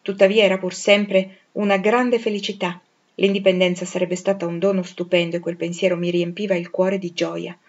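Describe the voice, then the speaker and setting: A woman reading a classic novel aloud in a measured, expressive way that grows dramatic on emotional passages. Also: on the low side. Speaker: audiobook reader. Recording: dull lo-fi recording.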